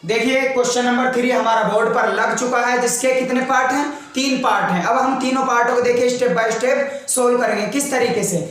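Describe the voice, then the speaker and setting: A male maths teacher works through a problem at the board, posing a question to the class and answering it himself. He goes slowly, repeating key words step by step. The recording has a heavy, echoey classroom sound. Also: extremely high pitch, steady tone, a bit bright. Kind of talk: board lesson. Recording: very echoey room.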